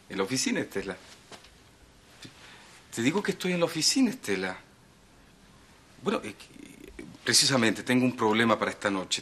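An actor playing a smooth-talking, unfaithful husband in a telenovela, speaking in a wheedling, evasive way. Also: male voice, lowish voice, sharp tone, slight background noise. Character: smooth-talking, cheating middle-aged husband. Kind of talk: telenovela acting.

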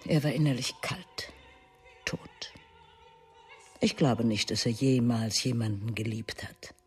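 An actress voices a middle-aged mother, bitter and hurt, as she speaks of the son she's estranged from in a radio drama monologue full of intensity. Her rumbling low voice is a little slow, swinging from hushed to emphatic over faint music.

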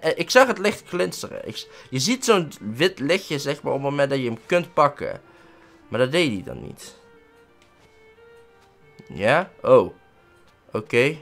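A man with a Dutch accent doing excitable let's-play commentary, swearing and yelping at every mishap. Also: medium pitch. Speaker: gaming let's-play host.

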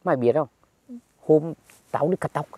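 A woman's voice: low voice, normal speed, warm tone, husky. A woman playing a stingy, grumpy old village grandfather who scolds bluntly in a comedy skit. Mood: grumbling.

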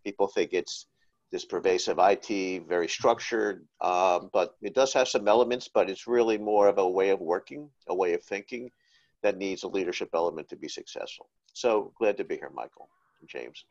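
A man's voice: low-pitched, normal speed, gravelly, a little mellow, lo-fi sound. A man with a New Jersey accent speaking as a panelist on a video call, jokey and full of fillers. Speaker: panelist, agile HR coach.

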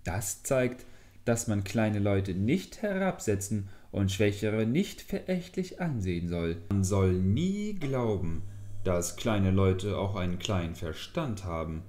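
A man voicing a small, clever male leech in a fairy tale who speaks calmly and lectures. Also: lowish voice, slow pace. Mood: lecturing. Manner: calm, lecturing, mildly scornful.

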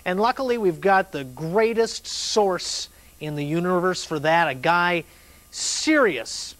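A man's voice: high voice, animated, slow pace, fairly bright tone. An American man presenting a comedic television special as its host. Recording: faint noise on old videotape.

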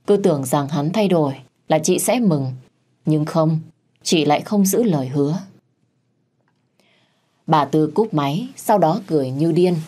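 A woman storyteller giving a steady, expressive dramatic story narration. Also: low-pitched, breathy edge.

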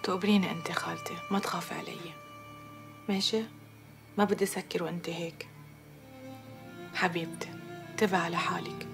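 A woman playing a defiant, fast-talking young wife. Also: medium pitch, over music, lightly acted. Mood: tender. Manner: defiant, then soft and whispery on the phone. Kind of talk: TV drama acting.

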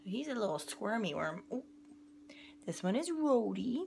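A young woman in casual vlog chat at home, talking into a phone held at arm's length, chatty and rushed, often dropping into a whisper. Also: medium pitch, very animated, gravelly, darkish tone, a little hiss or hum. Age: young adult. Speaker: vlogger. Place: home bedroom, indoors.

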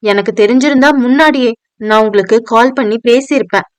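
A woman's voice: a little high, brisk, smooth, no room sound, lightly acted. A woman voicing a polite, anxious young working woman who speaks respectfully to her boss, in an audio novel. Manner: hesitant, respectful, addressing a superior. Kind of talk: audio novel dialogue reading.

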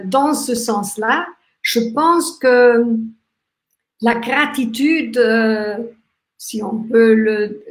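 This Austrian woman in her fifties, whose first language is German, has an Austrian German accent and a slightly high voice. Hosting a workshop, she gives a live online talk on gratitude in a gentle, reflective way, full of restarts and fillers, while gesturing animatedly. The small indoor room she's in makes the recording echoey.

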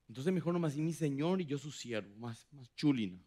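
A man preaching a sermon as pastor, dramatic, acting out quoted voices with big swings from loud to hushed. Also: medium pitch, animated, brisk. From Paraguay. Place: church hall.

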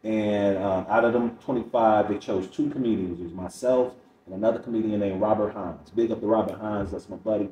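A middle-aged Chicago stand-up comedian, a podcast guest, tells his stories fairly quickly in a lowish, mellow voice with fairly even intonation, reenacting the dialogue. The recording is muffled, roomy, and distant, with faint noise.

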